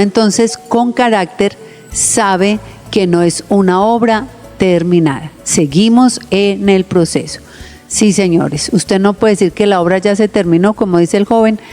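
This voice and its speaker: Woman, radio sermon, earnest pastoral delivery, mellow mid-pitched voice, soft music underneath. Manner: earnest, warm pastoral tone, often addresses listeners directly. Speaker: radio preacher. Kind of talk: radio sermon addressing listeners. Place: radio studio.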